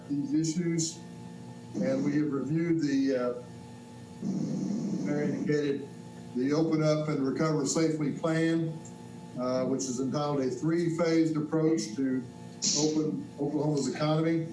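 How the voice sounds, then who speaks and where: A man giving a formal, measured briefing to a council, his mic cutting in and out so the volume keeps jumping. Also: a little high, fairly even intonation, over music. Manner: measured, reads out dates and lists. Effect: mic cutting in and out, uneven volume. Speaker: city staff member briefing council. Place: council chamber. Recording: echoey room, voice far from mic.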